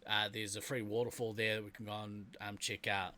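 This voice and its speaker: Bright, laid-back New Zealand man. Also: fairly low pitch, little pitch movement, fairly quick. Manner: easygoing, rambling, laughs often. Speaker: podcast co-host. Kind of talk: casual chat.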